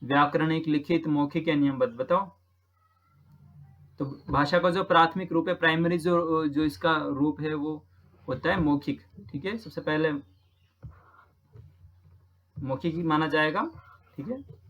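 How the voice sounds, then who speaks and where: A man's voice: on the high side, normal speed, a bit bright, highs cut off. A man from Rajasthan who teaches, patiently talking through practice exam questions and repeating each answer with frequent check-ins. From Rajasthan, India.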